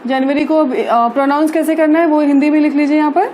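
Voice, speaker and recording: Woman teacher with a high voice and unhurried delivery, spelling words out patiently over faint background noise. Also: fairly even intonation, darkish tone. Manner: slow, patient, spells words letter by letter and repeats "theek hai". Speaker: English teacher. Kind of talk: spoken English lesson in Hindi.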